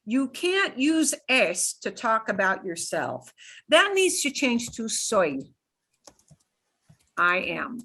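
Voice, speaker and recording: A woman teaching a beginner language class, emphatic and instructive, pronouncing foreign words slowly and deliberately in parts and checking in often. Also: fairly high pitch, sing-song, pushed and bright, husky. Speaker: Spanish teacher.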